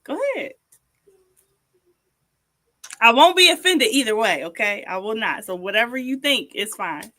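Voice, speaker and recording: Late 30s woman chatting on a live stream, bright voice, dry sound, easygoing. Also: fairly high pitch, sing-song, normal speed, long pauses, no room sound. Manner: easygoing, chatty, laughs readily. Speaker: guest. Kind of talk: casual live-stream chat.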